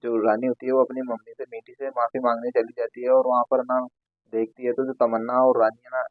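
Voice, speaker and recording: A man's voice: medium pitch, completely flat delivery, quick pace, dry recording. A man casually retelling a TV serial episode in a rambling way, full of fillers and restarts. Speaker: TV serial recap narrator. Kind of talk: casual episode recap narration. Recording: tinny phone-like dry sound.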